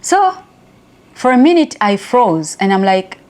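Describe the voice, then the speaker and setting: A middle-aged Ugandan woman speaks in a chatty, lively way, telling a personal story for an inspirational talk. She laughs easily. Her voice sits at a middle pitch. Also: unhurried.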